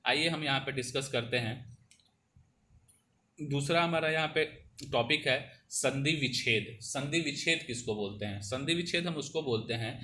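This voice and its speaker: A man's voice: mid-range voice, moderate pace, sharp tone, slight background noise. A man teaching grammar, explaining patiently step by step and often checking in with his students. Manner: explanatory, repeats "ठीक है ना" to check understanding. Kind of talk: Hindi grammar lesson over a screen.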